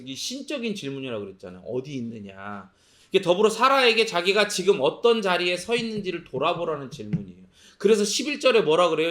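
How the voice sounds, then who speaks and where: A male pastor preaching a sermon, asking rhetorical questions and answering them himself. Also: high-pitched. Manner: acts out quoted lines in a sharp voice.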